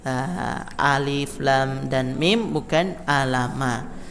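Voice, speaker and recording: A man's voice: mid-range voice, very slow, a bit bright, big-room sound, slight background noise. A man teaching a Quran recitation class in a mosque, counting the group in and demonstrating how letters are read. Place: mosque hall. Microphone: microphone in a hall.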